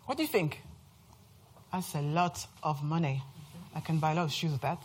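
This presenter from France, a woman in her thirties with a French accent, talks to a live audience in an event room with a chatty, self-mocking style. Her voice sits low and a little mellow, moving at a moderate pace over slight background noise.

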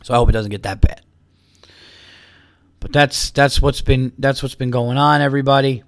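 Losing his voice to a cold, this comedian from New York still keeps his podcast chat upbeat and rambling, talking solo with restarts and plugs along the way. He speaks at normal speed in a mid-range voice, and the recording is dry.

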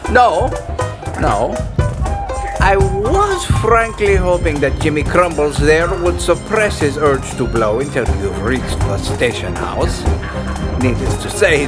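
A man playing a fussy, mildly evil doctor and shopkeeper, theatrical and pompous, in a comic audio drama. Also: a little high. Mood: fretful. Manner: pompous, florid, dramatic drawn-out delivery. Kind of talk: comic horror-host audio drama monologue.

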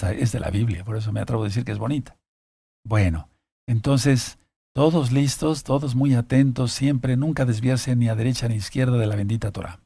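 A man with a dark, mellow voice teaches from the Bible in a deliberate, repetitive way. He reads passages aloud, then breaks off to speak straight to his listeners. The sound is dry and close, with little room in it. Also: mid-range voice, vocal fry, husky, no echo. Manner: slow, deliberate, repeats key phrases. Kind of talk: sermon-style Bible teaching.

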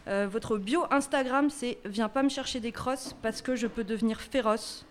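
A woman co-hosting a podcast before a live audience, introducing guests with playful, deadpan teasing. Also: fairly high pitch, moderate pace, slight background noise. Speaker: podcast co-host.

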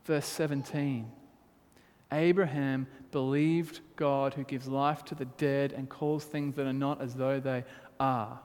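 A man's voice: medium pitch, flat delivery, slow pace, a little mellow. A man preaching a sermon as pastor, reading scripture aloud and then pressing his points with rising emphasis. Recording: long hall reverb.

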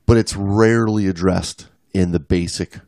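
A fairly low man's voice with a gravelly edge, talking casually as a podcast co-host. He gets animated and leans into the passages he reads aloud. The sound is dry and close. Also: normal speed, no room sound. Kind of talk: casual chat about diving.

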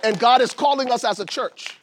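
A preacher from Liberia delivers a sermon with a high voice. He builds his points with rising emphasis and at times shouts them out to the congregation. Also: a little fast, slight background noise. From Liberia, West Africa. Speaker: pastor.

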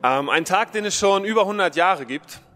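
Man, fairly high voice, casual preacher, unrolled R speech impediment, long hall reverb. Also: animated, moderate pace, fairly bright tone, soft background music. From Russian-German family background, Germany. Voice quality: speech impediment, cannot roll the R. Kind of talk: casual livestreamed sermon for Mother's Day.

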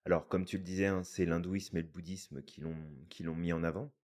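A man's voice: sits low, level tone, brisk, a little mellow. A man co-hosting a podcast, talking things through in a thoughtful, hesitant way. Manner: thoughtful, hesitant, many fillers and restarts. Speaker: podcast co-host. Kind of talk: reflective podcast talk.

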